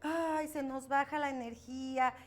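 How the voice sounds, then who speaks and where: Lively high-voiced host. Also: female voice, measured pace. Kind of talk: casual chat.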